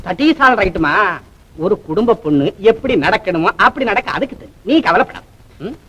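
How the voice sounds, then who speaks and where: A man's voice: sits high, expressive, moderate pace, sharp tone, breathy edge, exaggerated voice, poor audio. An actor playing an older man who chides and soothes in a fatherly way in a classic film. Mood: soothing.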